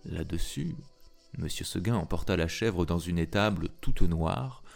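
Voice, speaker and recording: A man's voice: deep voice, creaky, faint music behind. A man reading a tale aloud in a theatrical storytelling manner, speaking to a listener. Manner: slow and theatrical, addressing a listener. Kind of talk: expressive storytelling.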